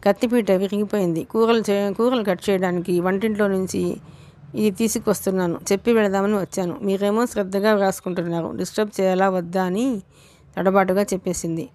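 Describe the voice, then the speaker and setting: This woman narrates a novel for an audiobook, keeping her storytelling even and measured. She speaks in a mid-range voice.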